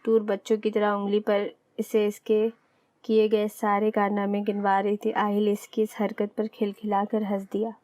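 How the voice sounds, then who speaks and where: A woman reading a romance novel aloud in plain, even narration. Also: medium pitch, no room sound. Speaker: audiobook narrator.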